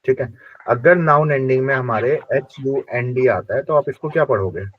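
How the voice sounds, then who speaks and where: A man's voice: medium pitch, muffled recording. Man teaching in a classroom. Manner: slow repetitive drilling of pronunciation. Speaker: German language teacher. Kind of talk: classroom lesson.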